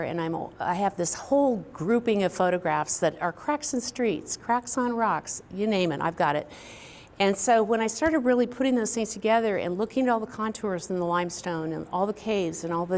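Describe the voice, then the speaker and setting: A middle-aged woman from Kansas, a quilt artist, talking reflectively about her work in a recorded artist talk, with pauses and fillers. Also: mid-range voice, darkish tone, a little hiss or hum. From Kansas, US Midwest. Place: indoor studio, quilt hanging behind her.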